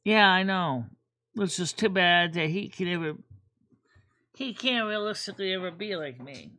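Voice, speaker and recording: A woman's voice: lowish voice, expressive, normal speed, pushed and bright. A woman hosting a casual livestream chat, rambling and repeating words as she thinks aloud. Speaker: host.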